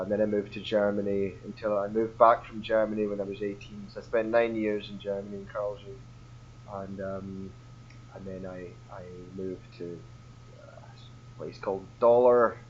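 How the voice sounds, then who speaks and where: A man's voice: lowish voice, flat delivery, moderate pace, a little hiss or hum. A man from Scotland with a mild Scottish accent, a band front man chatting casually in an interview, rambling, repeating words and laughing easily. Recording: dull lo-fi sound.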